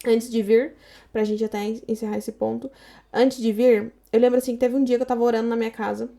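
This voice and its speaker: A Brazilian woman in her thirties, with a Brazilian Portuguese accent, tells her story as a podcast guest in a casual, animated way, acting out the dialogue she quotes. Her voice is a little high and warm, with a creaky quality, little pitch movement, and a quick pace.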